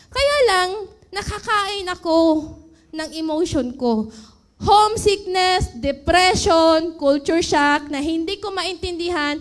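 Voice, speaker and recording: A woman's voice: very high voice, lively intonation, slow pace. A woman from the Philippines in her thirties, telling her story of working abroad and asking her audience questions. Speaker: former overseas worker. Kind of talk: emotional personal testimony.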